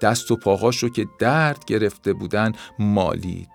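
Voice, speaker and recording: A man calmly narrating a children's story in a measured reading voice. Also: lowish voice, vocal fry, soft background music.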